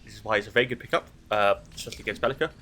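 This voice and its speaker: His fairly low voice races along, pushed and bright, while hay fever leaves his nose blocked. The man provides solo commentary on a recorded esports match that is casual and analytical, as if thinking aloud.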